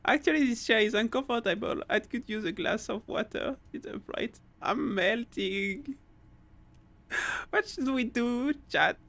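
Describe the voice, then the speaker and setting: A man's voice: extremely high pitch, moderate pace, few pauses, bright, forceful tone. A man streaming a video game, reading dialogue aloud and chatting playfully with his viewers. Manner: playful, giggly, reads lines aloud. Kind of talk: casual gameplay commentary. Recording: game music behind.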